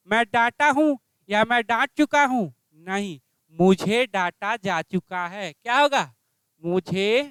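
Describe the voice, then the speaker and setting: A man's voice: extremely high pitch, fairly bright tone, clear, resonant tone, no echo. A male English teacher teaching grammar. He quizzes his class with repeated questions and spells out phrases word by word.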